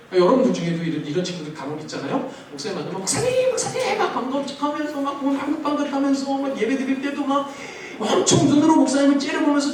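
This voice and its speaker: A man, a youth pastor, preaching a sermon to teenagers in a playful way, asking them questions and answering them himself. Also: extremely high pitch. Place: large church hall. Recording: very echoey hall, mic far off, faint room noise.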